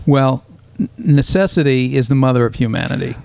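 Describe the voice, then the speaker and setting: A man's voice: medium pitch, gravelly, a little mellow, smooth. Effusive male podcast host. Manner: effusive, quick to praise. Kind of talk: casual comedy podcast chat.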